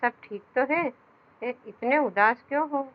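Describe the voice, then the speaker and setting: एक महिला पढ़ती है चतुर कछुआ. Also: female voice, sits high, a little slow. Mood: friendly. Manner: reads in a plain, explanatory voice. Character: clever male turtle, a caring friend. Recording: dull lo-fi sound.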